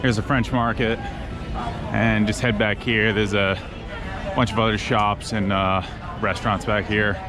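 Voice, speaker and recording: A man's voice: fairly low pitch, level tone, measured pace. A man giving casual, matter-of-fact vlog commentary as he goes around a theme park. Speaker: vlogger. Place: theme park, walking outdoors and on a boat ride. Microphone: handheld action camera. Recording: loud park music and crowd din.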